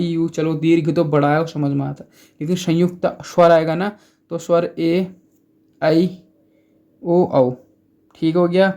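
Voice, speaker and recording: Man, grammar teacher, high voice, gravelly, casual exam-prep lesson, asks and answers own questions. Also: a little mellow.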